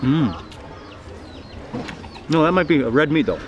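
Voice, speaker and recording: A man's voice: on the high side, sing-song, measured pace, dull audio, noisy background. A man eating outdoors and commenting with his mouth full of meat, giving short murmurs while he chews. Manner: chewing, reacting with short murmurs. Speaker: food vlogger. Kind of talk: casual food commentary. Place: outdoor eating spot on a hillside. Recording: outdoor crowd and music behind. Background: music and crowd chatter.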